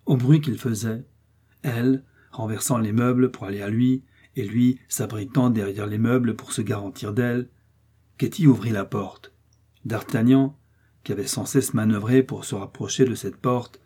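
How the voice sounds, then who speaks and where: A man narrating a classic novel aloud, expressive and rising with the action. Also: medium pitch, moderate pace, slightly rough. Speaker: audiobook narrator. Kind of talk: dramatic novel reading.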